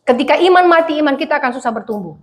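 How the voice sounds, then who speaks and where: A middle-aged woman pastor, preaching a lively conversational sermon and acting out voices. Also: sits high, rapid-fire, slight background noise. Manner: animated, acts out voices, laughs often.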